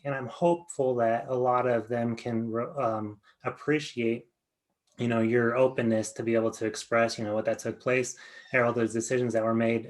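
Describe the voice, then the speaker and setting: A man hosts a podcast interview over a video call. His voice has an ordinary middle pitch. He talks earnestly and rambles, leaning on frequent fillers. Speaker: podcast host. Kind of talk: casual interview talk.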